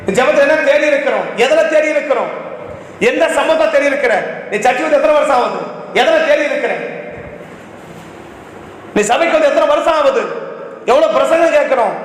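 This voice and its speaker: A man's voice: extremely high pitch, a bit bright. A man preaching a sermon to a congregation, firing off rhetorical questions one after another. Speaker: pastor. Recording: echoey hall reverb.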